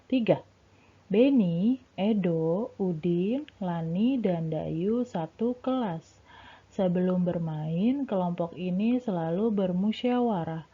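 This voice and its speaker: A woman primary school teacher giving a recorded lesson to young pupils, speaking gently and patiently. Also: lowish voice. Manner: gentle, patient, addresses children as Nak. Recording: tinny phone-like sound.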